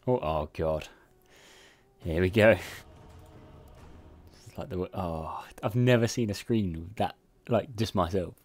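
A man's voice: deep voice, unhurried, pauses often, a little mellow. A man giving casual, sweary, nervous commentary on his own gameplay. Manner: nervous, sweary, chatty self-talk. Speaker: gamer.

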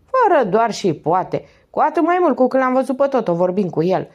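Woman doing a raspy tipsy market lady, blunt, high and pushy. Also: sing-song, lo-fi sound. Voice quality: hoarse. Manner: blunt and emphatic. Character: hoarse, tipsy heavy-set woman of the markets.

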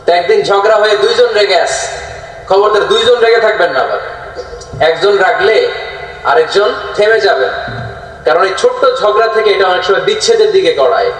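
Brief: male preacher, high voice, conversational storytelling sermon, heavy PA echo at an outdoor gathering. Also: expressive, normal speed, a bit bright. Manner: colloquial, questions the crowd directly. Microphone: loudspeaker PA.

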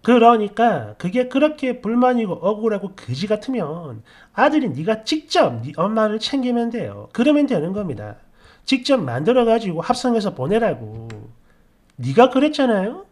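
Animated high-voiced male story narrator. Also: moderate pace. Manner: animated, exasperated retorts with frequent interjections. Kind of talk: dramatized first-person story narration.

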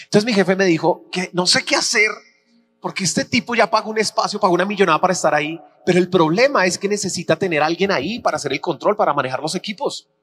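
A man preaching a sermon as pastor, telling personal stories animatedly and acting out the dialogue with shifting pitch. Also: fast, a bit bright. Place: church auditorium. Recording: reverberant church hall with faint hum.

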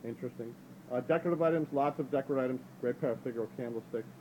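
A middle-aged man, an auctioneer, walking through an indoor antique gallery with a handheld camera and chatting upbeat about the items, often saying "ladies and gentlemen". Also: medium pitch, very fast, lo-fi sound, a little hiss or hum. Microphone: handheld camera mic, speaker behind the camera.

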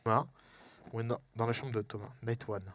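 Un homme à l'français qui commente en direct un jeu d'horreur, entre chuchotements tendus, cris et blagues. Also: male voice, mid-range voice, steady tone, brisk, a little hiss or hum. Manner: jokey, jumpy, swings from whispers to yelps. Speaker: let's play host. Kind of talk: horror game let's play commentary.

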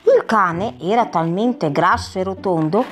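A woman playing a kind, patient grandmother who tells a fable and teaches gently. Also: medium pitch, measured pace, soft background music, lightly acted. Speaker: storyteller. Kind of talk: web series doll sitcom acting.

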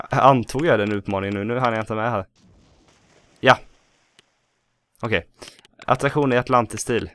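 A man's voice: medium pitch, slight background noise. A man with a Swedish accent giving casual let's play commentary, chatting to himself and swearing at small mishaps. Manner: chatty, self-talking, swears at mishaps, bursts into excited shouts.

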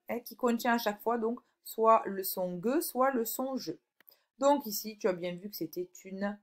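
A primary school teacher with a voice on the high side gives a recorded phonics lesson to a young child. She slowly stretches out example words and keeps checking in with "d'accord?"

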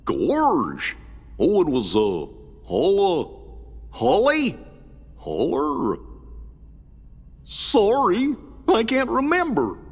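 A man voicing Goofy, a dopey, good-natured male cartoon dog who talks slowly and stumbles over words. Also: high voice, wildly swooping pitch, breathy edge, full character voice. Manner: slow, dim-witted and stammering. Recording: long hall reverb.

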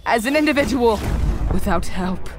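A woman's voice: on the high side, animated, moderate pace, noisy background, close to an everyday voice. A woman playing a stubborn, self-important young superhero loner in a children's audio drama. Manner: dramatic, shouting sound-effect words. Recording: voice under loud music.

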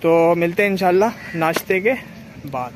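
Young man, chatty vlogger, talks straight to viewers, outdoors, lapel mic, slightly high voice. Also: moderate pace, slight background noise. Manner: chatty, addresses viewers directly. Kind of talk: casual travel vlog. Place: outdoors under trees, then riding a motorbike on dusty rural roads. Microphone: clip-on lapel mic.

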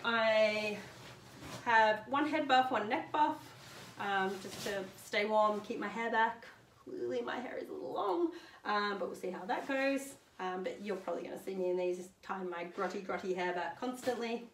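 A young woman in her living room chats casually and upbeat through her hiking gear list, holding items up and saying "um" a lot. Her mid-range, slightly bright voice moves at normal speed. The camera stands a few metres off, so the sound is roomy and distant with faint hiss.

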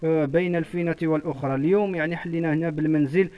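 A man's voice: on the high side, steady tone, rapid-fire, warm tone. A man with a Moroccan accent giving a live field report, hesitant and full of fillers. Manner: filler-heavy, hesitant delivery. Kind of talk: live street report and interview.

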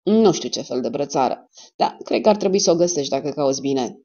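A woman's voice: sits low, lively intonation, dark tone. A woman voicing a cool, blunt male private detective who gives clipped orders. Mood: commanding. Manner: cold and clipped, giving orders. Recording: dull lo-fi audio.

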